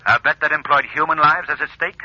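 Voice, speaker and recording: An actor playing a mysterious, commanding crime-fighter in a theatrical 1940s radio mystery style, precise and menacing. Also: male voice, a little high, steady tone, fairly quick, dry recording, natural voice. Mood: stern, accusing. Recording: dull old-time radio recording.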